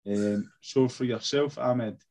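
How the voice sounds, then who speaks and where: A man's voice: medium pitch, slow pace, a little mellow, slight background noise. A man hosting an interview, asking casual questions and giving short encouraging replies. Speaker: interview host.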